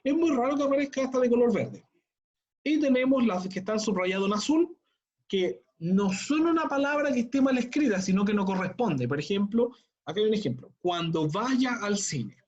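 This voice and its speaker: A man's voice: extremely high pitch, expressive, fairly quick, darkish tone. A man, a teacher giving an online class tutorial and explaining each step patiently while checking in with his students. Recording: dull lo-fi computer audio.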